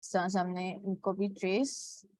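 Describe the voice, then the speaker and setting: A woman talks through a graphic design tutorial at a middle pitch. She goes step by step and drops a quick "okay" between steps. The sound is dry and close, with no room in it. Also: level tone, darkish tone, no room sound. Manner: mixes English words into Hindi. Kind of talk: screen-recorded software tutorial.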